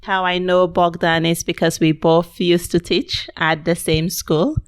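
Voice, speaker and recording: A woman hosting a podcast, introducing her guest and asking questions in a measured, clear manner. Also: on the low side, little pitch movement, no room sound, studio quality. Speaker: podcast host.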